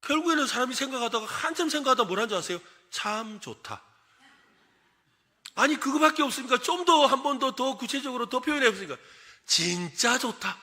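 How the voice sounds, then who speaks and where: A man preaching a sermon as senior pastor, lively and animated, asking the congregation questions and acting out complaining voices. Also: very high voice, rapid-fire, hardly any pauses.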